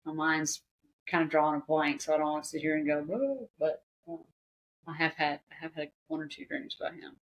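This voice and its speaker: A woman speaking as a podcast guest in a reflective conversation, often pausing and restarting as she searches for her words. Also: low voice, slight background noise, poor audio.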